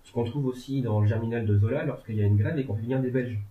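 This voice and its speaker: Talking fast at a medium pitch, a man who comments on law and politics meanders through political topics, hesitating often and tossing in jokes. The sound is thin, like a phone, with room echo.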